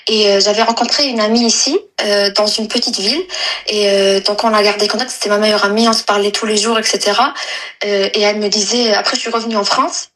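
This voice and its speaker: A woman in her twenties from Algeria, calling in to tell a personal story, halting and full of fillers and restarts. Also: medium pitch, fairly even intonation, fairly bright tone, poor audio. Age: 20s. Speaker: caller. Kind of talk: personal confession on a live call.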